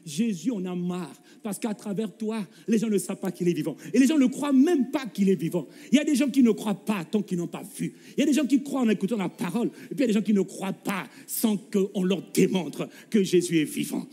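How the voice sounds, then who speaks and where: A man with a French accent preaching a lively sermon as pastor, acting out Gospel scenes in voices and calling the congregation to answer. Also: high-pitched, a little fast, few pauses, slightly rough. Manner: calls for responses from the congregation. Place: church hall. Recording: long hall reverb with faint music.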